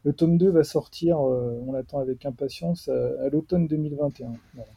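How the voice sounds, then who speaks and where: A man's voice: a little high, brisk, vocal fry, mellow, husky, no room sound. A man reviewing comics in casual radio chat, hesitant with many fillers.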